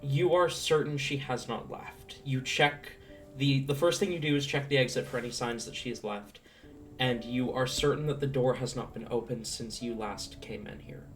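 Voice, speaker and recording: Game master, medium pitch, improvised tabletop narration, halting, thinking aloud, quiet background music. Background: faint guitar music.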